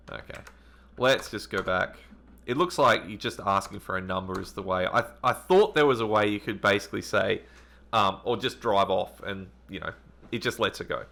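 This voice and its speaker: Male retro let's-play host, low gravelly voice, thinks aloud with ums, reads the game text. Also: sharp tone. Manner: thinks aloud with hesitant ums while playing. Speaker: retro gaming channel host.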